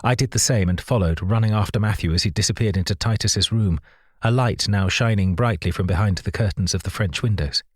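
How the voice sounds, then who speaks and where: A man narrating a suspenseful novel with a low, husky voice. His read is measured and tense, recorded close and dry with no room sound. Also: dry recording. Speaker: audiobook narrator. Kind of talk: first-person thriller narration.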